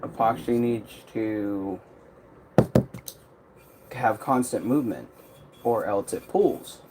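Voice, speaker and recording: A man in his workshop talks through his craft on a live stream. He speaks at an unhurried, drawn-out pace and rambles with plenty of ums and uhs. Faint outdoor noise sits under his voice. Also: on the low side. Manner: rambling, unhurried, many fillers. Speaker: custom tumbler maker.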